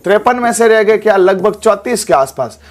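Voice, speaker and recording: A man teaching an exam-prep class, hoarse from a sore throat, quizzing students and repeating memory tricks. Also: sits high, animated, moderate pace. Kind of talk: animated online exam lesson.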